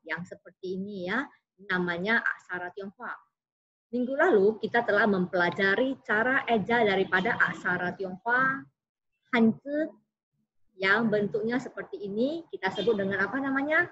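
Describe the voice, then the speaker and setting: A woman's voice: mid-range voice, moderate pace, pushed and bright, slightly rough, no echo, lo-fi sound. A woman teaching a Mandarin lesson, patiently asking the class questions and answering them herself. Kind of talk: classroom lesson explaining Chinese characters.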